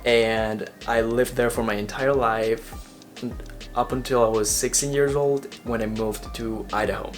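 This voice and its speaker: With a mid-range, slightly bright voice, this young adult man from Ecuador offers earnest, motivational talk in his personal vlog. His accent is Ecuadorian Spanish, and now and then he restarts a phrase.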